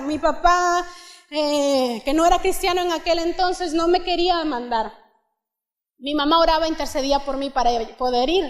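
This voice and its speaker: High-voiced Mexican woman preaching in a hall. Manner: earnest storytelling, rising to fervent exhortation. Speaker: guest preacher. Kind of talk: testimony sermon. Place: church hall. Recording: long church hall reverb.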